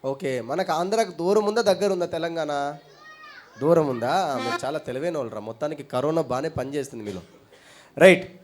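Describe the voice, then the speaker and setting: Bible school teacher guy talking to kids, asks them stuff playfully, slightly high voice, faint music behind. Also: a little fast. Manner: quizzing children with playful questions. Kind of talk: casual talk to children.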